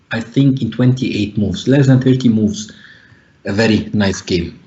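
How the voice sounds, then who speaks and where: An Egyptian man whose first language is Arabic gives live online chess commentary, thinking aloud with frequent hesitations. His fairly low voice has a dark tone, and the recording is muffled.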